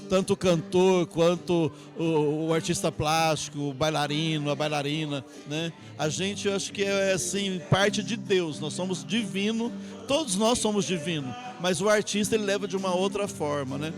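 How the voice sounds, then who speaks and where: A man's voice: sits high, normal speed. A middle-aged Brazilian man, an artist guest, telling his life story in a rambling way, often ending phrases with tag questions. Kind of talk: interview storytelling. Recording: music playing behind.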